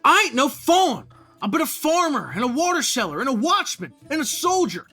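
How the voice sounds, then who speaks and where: A man doing a high twangy country deer youth, with music. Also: very animated, normal speed, sharp tone, heavily acted. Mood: earnest. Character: young country deer man, defensive and earnest.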